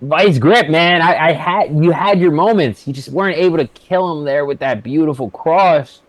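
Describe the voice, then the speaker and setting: A man's voice: fairly high pitch, normal speed, dry recording, low-quality recording. A man giving casual, slangy fight commentary alongside a co-host. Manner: colloquial, slangy.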